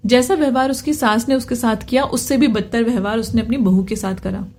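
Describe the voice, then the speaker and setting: A woman's voice: a little high, fairly even intonation, a little fast, darkish tone. A woman narrating a family story from a script, reading the characters' lines in her own voice.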